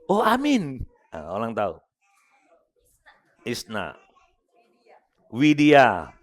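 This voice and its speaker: A man's voice: mid-range voice, wildly swooping pitch, extremely slow. A man giving a humorous religious motivational talk, joking with his audience and coaching them one by one. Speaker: motivational speaker.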